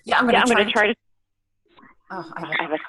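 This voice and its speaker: A woman's voice: medium pitch, rapid-fire, crowd noise. A woman on a video call through her phone asks questions, her voice echoing from a second device. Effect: echo from a second device, her voice heard twice. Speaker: meeting participant asking questions. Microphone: phone on a video call, no headset. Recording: distant echoey phone audio with clear background noise.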